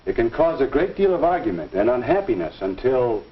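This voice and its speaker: In a 1950s instructional film with a dull soundtrack and slight background noise, a male actor plays a genial, earnest minister counseling a young couple. His medium-pitched voice has very lively intonation, and he explains things in an avuncular, measured, folksy lecturing manner, only lightly acted.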